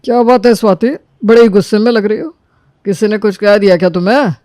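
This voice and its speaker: A man voicing an easygoing young husband in a cartoon story who gently placates his wife. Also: high-pitched, fast, no echo, studio quality, close to an everyday voice. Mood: placating.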